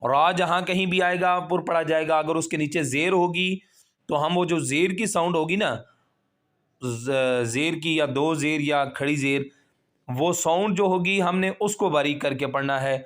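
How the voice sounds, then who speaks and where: A man teaching Quran recitation, spelling words out slowly syllable by syllable and then explaining the rules briskly. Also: a little high, a bit bright. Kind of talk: slow spelled-out tajweed drill with quick explanations.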